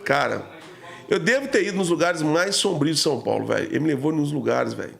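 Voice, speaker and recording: Gravelly fast-talking man telling stories. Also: fairly high pitch, expressive. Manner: slangy, emotional, packed with fillers. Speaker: podcast guest. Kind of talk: casual storytelling.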